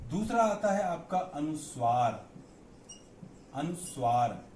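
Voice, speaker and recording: Slow, deliberate male Hindi teacher. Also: fairly high pitch. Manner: slow, repeats key terms, asks and answers own questions. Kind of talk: classroom lesson on Hindi vowels and signs. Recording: echoey room with faint background noise.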